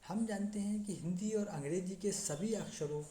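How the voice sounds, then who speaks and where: A teacher giving a slow classroom lesson, repeating points and checking in as they explain. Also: medium pitch, mellow. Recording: echoey room with faint noise.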